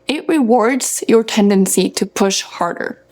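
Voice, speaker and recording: A young Norwegian woman, a running coach and content creator, delivers a scripted motivational talk to viewers with earnest, emphatic phrasing. Her voice is mid-range, a little slow, and slightly mellow.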